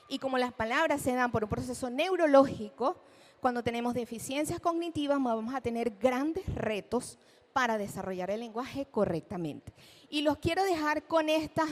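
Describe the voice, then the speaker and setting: A woman giving a lecture at a live event, animated, asking the audience questions and acting out examples. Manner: acts out children's speech in a high voice. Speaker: speech therapist giving a talk. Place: event hall.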